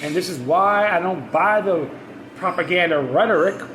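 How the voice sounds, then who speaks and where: With a high-pitched, fairly bright voice and a moderate pace, a man hosts a podcast where he reads news articles and rants about them, stumbling over words and slipping in sarcasm. The audio is echoey and carries background noise.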